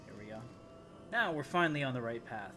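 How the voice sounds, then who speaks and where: An expressive, brisk man with a bright, forceful mid-range voice hosts a game livestream, rambling and chatting to viewers as he plays. There's a little hiss or hum along with background game music.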